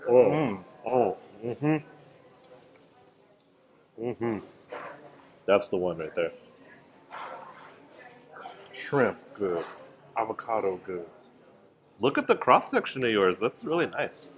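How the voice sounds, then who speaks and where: A man's voice: fairly low pitch, sing-song, takes it slowly, pauses often. A man hosting a casual travel vlog, joking and laughing often as he chats. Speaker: vlog host. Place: cruise ship cooking class and bar. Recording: busy crowd chatter behind.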